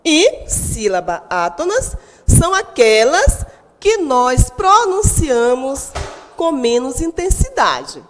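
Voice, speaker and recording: A woman's voice: high-pitched, very animated, slow pace, long reverb tail, faint music behind. A woman teacher with a Brazilian Portuguese accent gives a recorded lesson to sixth graders. She speaks emphatically, stretches out stressed syllables and puts questions to the pupils at home.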